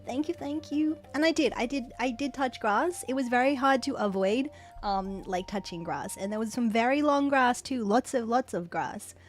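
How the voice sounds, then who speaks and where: A woman hosting a casual livestream, excitedly thanking viewers and stumbling over her words. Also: a little high, moderate pace, few pauses. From Australia. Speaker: livestream host.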